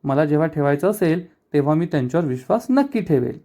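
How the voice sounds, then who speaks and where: A man's voice: a little high, lively intonation, fast, warm tone. Man playing a wary, stubborn young husband. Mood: doubtful.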